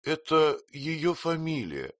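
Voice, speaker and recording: A man's voice: mid-range voice, lively intonation, a little slow, fairly bright tone, dry recording, studio quality, voice pushed up. A man voicing a timid, frail young mother who speaks faintly and hesitantly.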